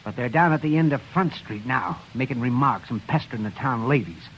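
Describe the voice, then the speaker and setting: An actor playing a wry, knowing frontier doctor in a radio western. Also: male voice, medium pitch, expressive, a little fast, fairly bright tone, lo-fi sound, lightly acted. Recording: old radio recording with hiss.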